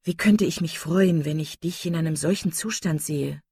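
A woman reading an audiobook and voicing a composed young woman who speaks earnestly and gently firm. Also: low-pitched, moderate pace, gravelly, breathy edge, no room sound, studio quality, heavily acted.

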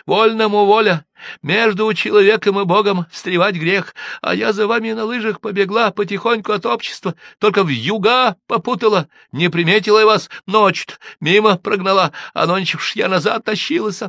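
A man's voice: sits high, moderate pace, creaky, sharp tone, no echo, clean studio sound, voice pushed up, exaggerated voice. A man voicing a tearful young peasant girl who talks in wailing village speech. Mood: tearful, urgent.

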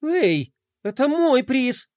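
A man voicing a sharp-tongued young girl, a competitive sister, in a storybook reading, sarcastic and teasing. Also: very high voice, sing-song, slow pace, no room sound, studio quality, voice pushed up, heavily acted. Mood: indignant.

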